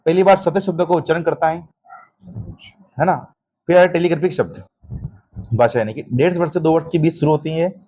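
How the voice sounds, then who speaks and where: A man's voice: fairly high pitch, fairly quick, pauses often, darkish tone. A man teaching an exam-prep lesson, constantly checking understanding with short questions and calling students "beta". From Rajasthan.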